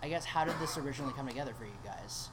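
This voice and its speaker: A woman with an unusually low voice asks her questions in a relaxed, chatty way, full of fillers and quick reactions. She is interviewing at a music venue before a show. A noisy ambience runs behind her the whole time. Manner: chatty, upbeat, lots of fillers. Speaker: interviewer and photographer. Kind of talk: casual interview chat.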